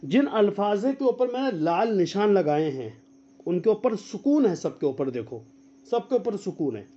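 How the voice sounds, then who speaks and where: A man with a high, very animated voice leads an online Quran class. He quizzes his students and drills letters slowly. The sound is dull and lo-fi, like a video call. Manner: quizzes students and repeats their answers. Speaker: Quran teacher. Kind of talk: online tajweed lesson.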